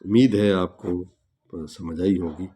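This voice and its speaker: Slow, low-voiced man teaching Quran recitation. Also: steady tone, mellow, husky. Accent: Urdu. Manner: chants verses slowly, then explains rules plainly. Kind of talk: tajweed lesson with slow recitation.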